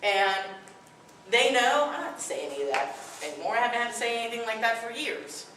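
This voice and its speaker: Slightly fast and a bit bright, a highish voice belongs to a middle-aged woman with a strong voice addressing a parenting workshop audience live. She speaks firmly, directly and conversationally, picked up from far away in an echoey room with slight background noise.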